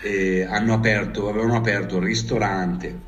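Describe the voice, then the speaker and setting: A man's voice: on the low side, fairly even intonation, normal speed. A man with a northern Italian accent telling stories in casual chat, rambling and slangy, with swearing thrown in. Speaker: storyteller recalling life abroad. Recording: distant mic.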